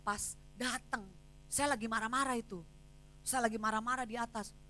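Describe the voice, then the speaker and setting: A woman pastor, preaching a sermon in an emphatic way that climbs high when she retells a story. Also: fairly even intonation, normal speed, sharp tone, slight background noise. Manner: emphatic, rising sharply when retelling anger. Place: church hall.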